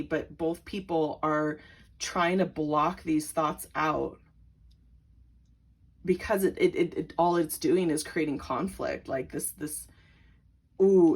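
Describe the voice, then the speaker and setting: A woman's voice: sits low, a little mellow, breathy edge. A woman giving a tarot reading to her viewers, chatty and full of "like", breaking into frequent giggles. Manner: chatty, filler-heavy with repeated "like". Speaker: tarot reader.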